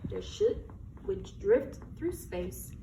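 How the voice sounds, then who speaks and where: A woman with a warm, gravelly, medium-pitched voice reads a children's picture book slowly, her pitch swinging widely. She uses emphatic, dramatic phrasing and asks her listeners questions, recorded with roomy echo, a distant mic, and background noise.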